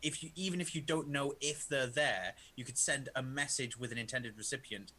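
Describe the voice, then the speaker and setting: A man's voice: medium pitch, a little fast, pushed and bright. A man in a tabletop game, chatting and role-playing with formal, wordy phrasing. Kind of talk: casual game chat and role-play.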